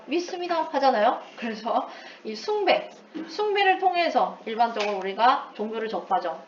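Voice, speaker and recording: Woman teacher lecturing, kinda high voice, playful asides, sounds far off the mic, roomy and a bit muffled. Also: a little hiss or hum. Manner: lively explaining with playful asides and English terms. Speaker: English teacher. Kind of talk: recorded lecture. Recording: echoey room, away from the mic, dull lo-fi sound.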